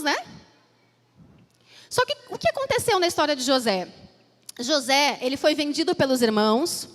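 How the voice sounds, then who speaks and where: A woman's voice: sits high, fairly bright tone. A woman in her thirties with a Bahian Brazilian accent, giving an emotional sermon testimony and voicing her own thoughts. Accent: Brazilian Portuguese, Bahian. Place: church or college hall. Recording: long hall reverb.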